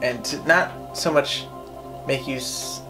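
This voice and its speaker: A man in a casual film review chat, meandering and halting, with some swearing. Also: mid-range voice, music in the background, poor audio. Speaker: film review show co-host.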